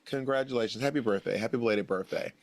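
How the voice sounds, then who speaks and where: As a guest in an interview, an American writer in his late thirties responds in an earnest, reflective way, repeating phrases to stress his points. He speaks quickly in a mid-range voice.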